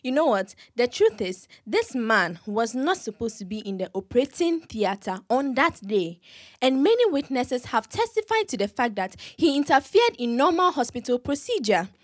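An actress playing a composed woman lawyer who speaks in a calm, formal, measured way. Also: on the high side, dry recording, clean studio sound. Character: composed young woman lawyer serving a summons.

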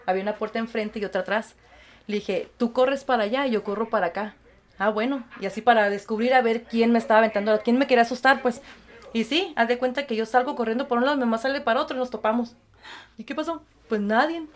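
A woman, a guest recounting her experiences and acting out the voices of others in lively conversation. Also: fairly high pitch, quick pace. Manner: animated, acts out quoted voices, laughs easily. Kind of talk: storytelling in conversation.

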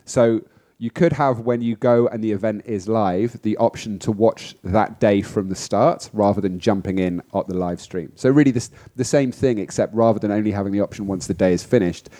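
A man co-hosts a surf podcast in an easygoing way. His voice is low and warm. He chats freely, pokes fun at himself and laughs easily. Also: moderate pace. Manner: chatty, self-deprecating, laughs easily. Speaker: podcast co-host. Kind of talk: casual chat.

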